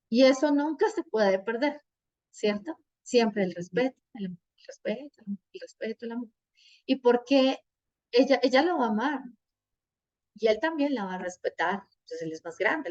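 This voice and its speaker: Brief: middle-aged woman, parenting teacher, lively storytelling, slightly dull recording. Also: on the high side. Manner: animated, asks "¿cierto?" often. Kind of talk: teaching a parenting class with personal stories.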